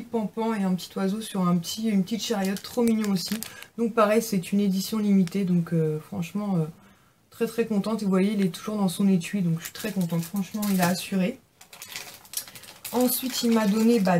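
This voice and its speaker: A young woman in a casual haul video, chatting warmly about gifts, with many fillers and restarts. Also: mid-range voice, a little hiss or hum. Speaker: beauty vlogger.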